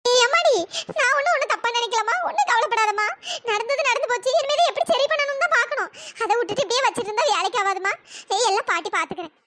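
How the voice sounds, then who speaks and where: Voice actor as an old cartoon granny, caring and fretful, very high pitch, bright tone, odd processed timbre. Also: racing. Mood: soothing. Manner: soothing, worried, coaxing. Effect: pitch-raised voice processing. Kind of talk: cartoon storytelling voice acting.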